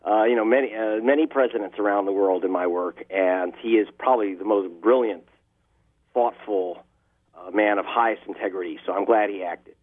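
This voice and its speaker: An investigative journalist takes interview questions by telephone, his fairly low voice moving at normal speed. The line sounds tinny, and his delivery is impassioned and emphatic, building on key words.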